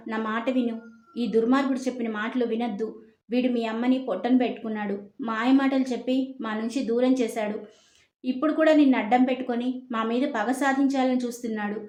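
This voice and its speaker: A grieving old grandfather pleads through tears, his voice pitched fairly high because a woman narrator puts him on. He begs again and again. The room around him is echoey. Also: a little mellow, close to an everyday voice. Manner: pleading, tearful.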